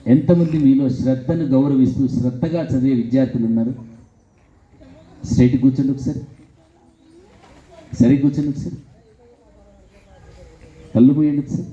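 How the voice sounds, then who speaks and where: A man's voice: medium pitch, fairly quick, pauses often, dull audio. A man giving a motivational speech to students in a school hall, telling stories with lots of repetition. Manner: animated storytelling, repeats phrases. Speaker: motivational speaker.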